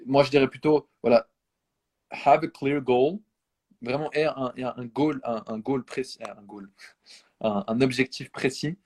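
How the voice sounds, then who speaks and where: A man from France chatting casually, halting and repeating words as he searches for the right phrasing. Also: mid-range voice, fairly even intonation, a little mellow. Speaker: conversation partner. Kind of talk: casual multilingual chat.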